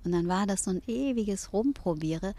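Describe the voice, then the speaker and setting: A middle-aged woman from northern Germany, talking as an interview guest in a thoughtful way, pausing often with fillers. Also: medium pitch, expressive, dark tone. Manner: thoughtful, with many hesitations and fillers. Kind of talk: reflective conversation.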